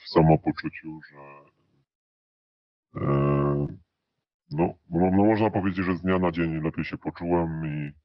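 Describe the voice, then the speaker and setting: A man being interviewed, speaking through a voice changer that pitches his voice down to disguise it, and pausing often on hesitant fillers. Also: steady tone, no room sound. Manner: hesitant, with many drawn-out "e" fillers. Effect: voice pitched down electronically to disguise it. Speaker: interview guest. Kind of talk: recorded interview answers. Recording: dull, muffled lo-fi audio.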